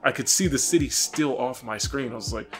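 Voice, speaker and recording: A young man telling a story casually to camera in an expressive, slangy way, acting out reactions. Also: medium pitch, a little fast. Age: young adult. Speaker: vlogger. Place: small furnished room with couch, indoors. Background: music.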